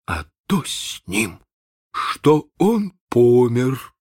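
A man voicing a frightened pirate sailor who talks slowly and hollowly. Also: medium pitch, big pitch swings, darkish tone, husky, no echo, clean studio sound, voice pushed up, heavily acted. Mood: dread. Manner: slow, hollow, dread-filled.

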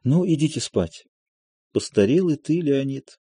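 A man's voice: medium pitch, expressive, a little slow, dark tone, husky, no echo, clean studio sound, pitched above the performer's own voice. A man voicing a middle-aged noble lady, nostalgic and tearful, reading an audiobook of a play. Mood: tender. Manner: wistful, emotional.

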